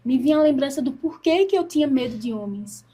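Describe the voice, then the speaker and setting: Her voice is high and a bit dark, with lively intonation and a slightly fast pace. This Brazilian guest shares her faith testimony with earnest storytelling, performing her own past words as she recounts them.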